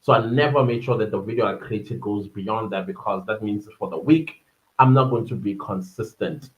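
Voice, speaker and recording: A man's voice: lowish voice, moderate pace. Rambling South African man in a roomy room. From South Africa, Durban. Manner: rambling, searching for words with many fillers. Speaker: podcast host. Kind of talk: casual solo podcast monologue.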